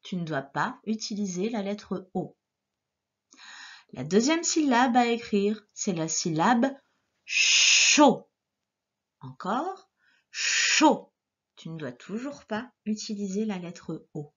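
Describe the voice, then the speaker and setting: A woman teacher giving a dictation lesson to young children, sounding out each syllable slowly and clearly. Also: mid-range voice, expressive, lo-fi sound. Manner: slow, clearly articulated syllables with gestures.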